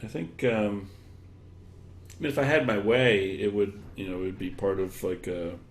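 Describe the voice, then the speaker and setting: Heard in an echoey room with some noise behind him, a man with a fairly low, steady voice is interviewed as an education technology expert. His conversational replies come haltingly, pieced together from one example after another as he thinks aloud.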